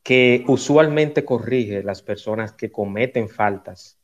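A man's voice: medium pitch, slow. A man, hosting a talk show, mostly adding brief agreeing remarks. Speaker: radio host. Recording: slightly dull sound.

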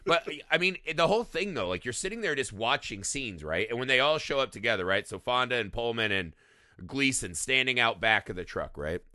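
Podcast guy riffing on a movie, super bright voice, dry close sound, keeps saying right?. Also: mid-range voice, lively intonation, fairly quick, no room sound. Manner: swears a lot, says "right?" often. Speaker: podcast co-host. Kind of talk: casual movie chat.

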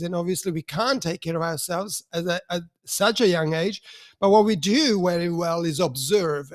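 High-voiced man in his fifties, chatty. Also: dry recording, studio quality. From Switzerland. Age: 50s. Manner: enthusiastic, many fillers and restarts. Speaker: podcast guest, mentor. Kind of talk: conversational interview.

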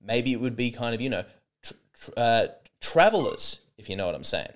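In his solo comedy podcast, a young adult man rambles sarcastically and keeps restarting his sentences. His voice sits at a typical middle pitch but swings widely up and down, and he talks fairly quickly with a dry edge.

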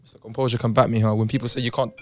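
A young man of middling pitch speaks in a London roadman accent with joking street slang. He is a guest in a casual group podcast chat. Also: flat delivery, rapid-fire. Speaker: guest, footballer.

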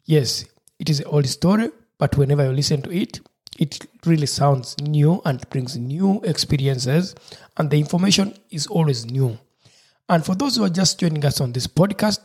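A male podcast host from Uganda delivers an earnest episode introduction, with a husky edge to his somewhat raised voice. He keeps circling back to the same points in a promotional tone. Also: on the high side, a little mellow.

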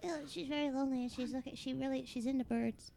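A woman's voice: high voice, steady tone, fast talker, gravelly, dark tone, a little hiss or hum. A woman playing a cheeky, blunt half-bird child with human arms in an improv sketch. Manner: blunt, teasing.

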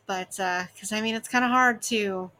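A woman's voice: medium pitch, moderate pace, bright, forceful tone. A woman in her thirties chatting casually with friends, rambling with lots of fillers and laughter. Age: 30s. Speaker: dungeon master. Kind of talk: casual chat among friends.

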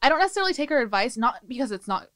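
A woman's voice: a little high, very animated, rapid-fire, fairly bright tone, dry recording, studio quality. A woman chatting as a podcast guest, easygoing and casual, leaning on "like" as a filler. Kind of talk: casual interview chat.

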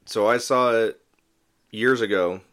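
A man in his thirties co-hosting a podcast, telling a story in a relaxed, rambling way. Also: lowish voice, unhurried. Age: 30s. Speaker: podcast co-host. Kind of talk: casual chat.

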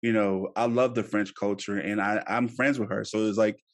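Low-voiced casual male podcast host. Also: fairly even intonation, moderate pace. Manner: loose and chatty, many fillers and restarts; upbeat sign-off plugs.

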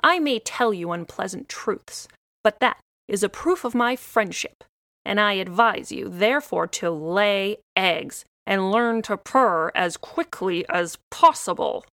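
A preachy, know-it-all hen from a storybook scolds in a loud, emphatic voice that pushes upward in pitch, as a woman puts her on. The sound is close and dry, with no room around it. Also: lively intonation, measured pace, no echo. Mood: lecturing. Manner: scolding, lecturing, haughty. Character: bossy self-important hen, female.

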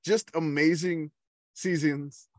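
A man's voice: fairly high pitch, steady tone, slow, darkish tone, dry recording, studio quality. A man co-hosting a casual sports podcast, enthusiastic and rambling, laughing often. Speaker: podcast co-host.

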